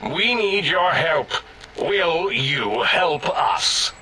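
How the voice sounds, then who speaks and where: A blustering, imperious scientist brain from a video game, giving orders in a piercingly bright voice that sits slightly high. He drawls his words out slowly, then snaps into sudden shouts. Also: animated, breathy edge, heavily acted. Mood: pompous. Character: pompous, bossy male scientist brain, quick to temper.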